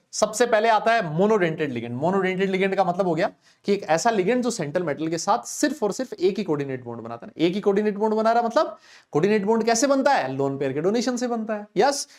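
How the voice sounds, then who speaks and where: A man teaches chemistry in a live online class. He talks in a chatty, teasing way, keeps checking in with his students, and answers their comments as they come in. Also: high voice. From India.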